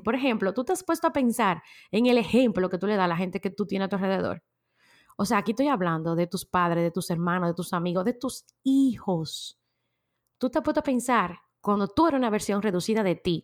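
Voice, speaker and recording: A Dominican woman hosts a motivational podcast in a relaxed monologue. She speaks emphatically and chats with her listeners. She keeps a conversational pace full of filler words. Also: mid-range voice. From Dominican Republic. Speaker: podcast host.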